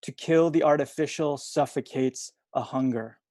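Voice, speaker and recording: A young man reading poetry over a video call from home, soft-spoken and hesitant between poems. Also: fairly high pitch, moderate pace, no echo. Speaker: poet reading at a livestream.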